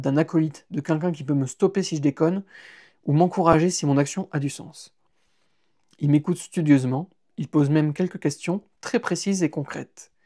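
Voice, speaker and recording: A man narrating a humorous novel in the first person on a live stream, lively and playful, stopping for chatty asides to listeners. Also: on the high side. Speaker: audiobook reader and author.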